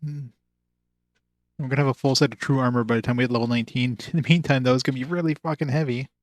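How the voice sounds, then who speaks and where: A man's voice: medium pitch, fairly even intonation, fast talker, dry recording. A man giving casual, offhand let's-play commentary, thinking aloud and swearing freely as he plays. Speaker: game streamer. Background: game music.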